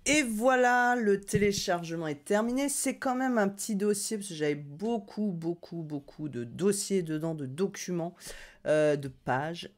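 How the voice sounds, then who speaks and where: A woman's voice: medium pitch, lively intonation, measured pace. A woman hosting a casual screen-share tutorial on a no-code tool, chatty and upbeat with frequent hesitations.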